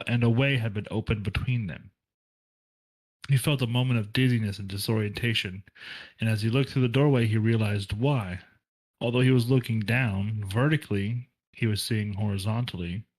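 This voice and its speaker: A man reading a novel aloud for a book club, in a plain, steady delivery with occasional slips and restarts. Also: lowish voice, poor audio.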